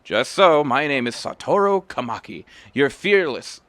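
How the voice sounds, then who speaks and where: A man's voice: medium pitch, very animated, unhurried, fairly bright tone. A man voicing a stern old male martial arts master, reading game dialogue in a formal, declaiming way. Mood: lofty.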